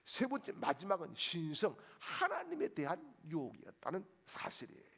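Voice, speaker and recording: Animated, gravelly-voiced male preacher. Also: high-pitched, normal speed. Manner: animated, rhetorical questions to the congregation. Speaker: pastor. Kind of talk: sermon.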